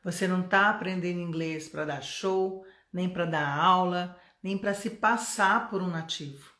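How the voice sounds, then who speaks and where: A woman's voice: fairly low pitch, measured pace, a bit bright. A middle-aged Brazilian woman teaching English in a live online lesson, chatty and coaxing, often asking the viewer questions. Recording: roomy echo.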